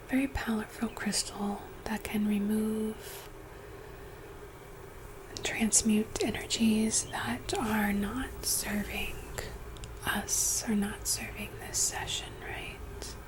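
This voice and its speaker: Slow close-up whispering woman, ASMR role-play. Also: medium pitch, poor audio. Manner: gentle, unhurried, soothing guidance. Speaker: ASMR host playing a friend giving reiki.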